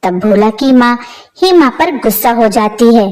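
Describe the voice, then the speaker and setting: A woman narrating a scripted storybook tale in a steady, plain way. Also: a little high, measured pace, rough recording.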